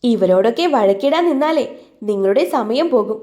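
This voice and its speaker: A woman's voice: a little high, lively intonation, moderate pace, mellow, natural voice. Woman voicing a dismissive male shopkeeper.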